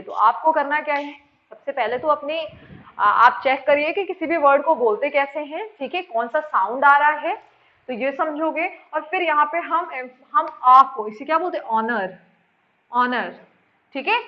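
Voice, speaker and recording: A woman teacher explaining grammar in a lesson, repeating points and quizzing her students with questions. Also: sits high. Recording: dull lo-fi sound.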